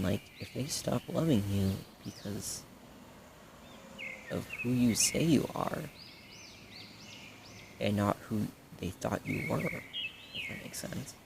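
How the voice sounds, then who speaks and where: A young man with a low, creaky voice acts as the supportive best friend in an audio roleplay, speaking to the listener casually, earnestly and reassuringly. He rambles and hesitates, letting many phrases trail off, over clear background ambience with some noise.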